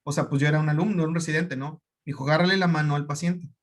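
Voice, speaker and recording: A man with a Mexican accent, a doctor giving a conference talk, telling anecdotes in a lively way and acting out the dialogue. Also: a little high, rapid-fire. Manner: lively storytelling, acts out quoted dialogue.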